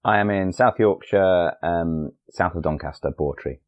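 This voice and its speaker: A man's voice: sits low, unhurried, phone-quality sound. A middle-aged man answering interview questions conversationally, often hesitating and rephrasing as he goes. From Essex, England. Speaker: guest, family doctor.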